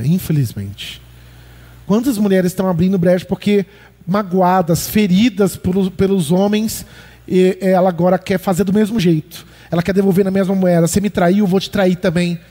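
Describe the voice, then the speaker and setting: A man preaching a sermon, animated, acting out example lines in mock voices. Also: sits high. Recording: church hall reverb.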